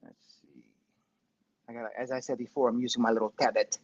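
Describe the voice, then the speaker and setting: A man's voice: medium pitch, level tone, quick pace, darkish tone, slightly rough, no echo. A man in his fifties hosting his own live-stream show from his phone, sounding tinny like he is in a tin can, rambling, mocking himself and swearing casually. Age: 50s. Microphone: phone with Bluetooth headphones.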